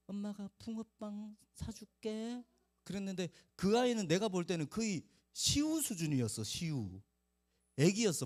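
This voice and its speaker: A man's voice: fairly high pitch, a little mellow. A male pastor preaching a storytelling sermon in a conversational way, speaking directly to the children in his congregation by name.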